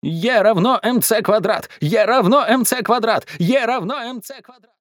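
A man's voice: high voice, wildly swooping pitch, moderate pace, darkish tone, dry recording, clean studio sound, voice pushed up, exaggerated voice. Man doing a frantic, stubborn mother. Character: manic, stubborn grown-up mother.

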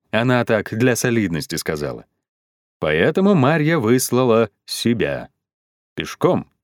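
A man reading a children's story aloud in an expressive, animated way. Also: on the low side, no echo, clean studio sound. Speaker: narrator.

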